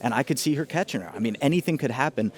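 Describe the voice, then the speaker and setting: A man's voice: mid-range voice, expressive, rapid-fire. A man giving casual, slangy and enthusiastic fight analysis as a commentator.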